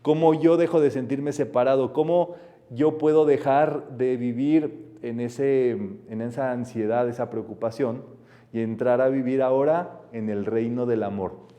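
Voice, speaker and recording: Male spiritual teacher, warm low-key timbre, earnest lecturing, leads group affirmations. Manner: earnest and explanatory. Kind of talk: metaphysical Bible lecture.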